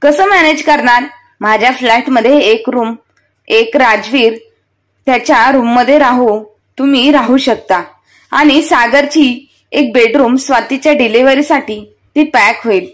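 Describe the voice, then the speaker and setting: A woman's voice: on the high side, a little slow, natural voice. A woman voicing a grown son who explains the housing arrangements in a matter-of-fact way. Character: grown son, practical and evasive.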